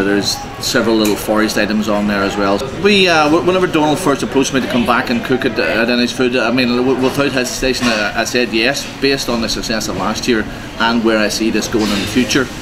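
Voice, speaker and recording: A man from Donegal, a development chef, talking in a halting way with many restarts in an interview. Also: fairly low pitch, noisy background. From Donegal, Ireland. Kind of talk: casual interview. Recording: crowd chatter behind.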